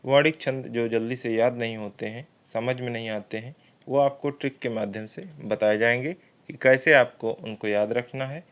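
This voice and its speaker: A man with a mid-range, fairly even voice teaches a Hindi grammar lesson for exam preparation. Slow and methodical, he reads each question aloud twice and works through it step by step. The recording sounds muffled.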